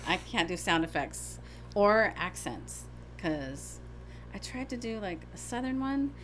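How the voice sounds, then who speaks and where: A middle-aged woman co-hosting a podcast with her daughter, chatty and self-deprecating with quick asides. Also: mid-range voice, sing-song, background noise. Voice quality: hard of hearing. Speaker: co-host, mother. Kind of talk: casual podcast chat.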